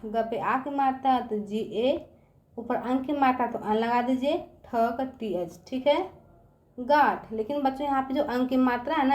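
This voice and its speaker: A high-pitched woman teacher spells words for children one letter at a time and keeps asking whether they have understood. Her voice rings around an echoey room. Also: darkish tone.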